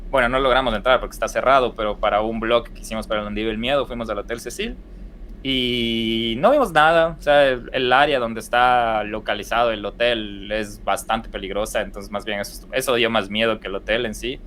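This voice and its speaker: Here the young Ecuadorian man sounds fairly low-pitched and brisk, with a fairly bright tone. Guesting on a podcast, he spins casual stories full of fillers and false starts in his Ecuadorian Spanish accent, over slight background noise.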